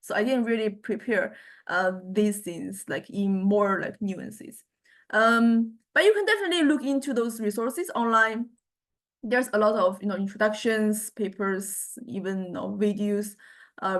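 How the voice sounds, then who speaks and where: Delivering an informal lecture in a medium-pitched voice, a woman stumbles along, frequently repeating herself and starting her words over.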